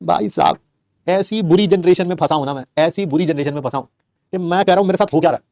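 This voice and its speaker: Middle-aged male teacher telling stories in class, high-pitched and quick, joking, dry close sound. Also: no echo. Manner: animated, joking, acts out family quotes. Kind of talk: storytelling aside in a class lecture.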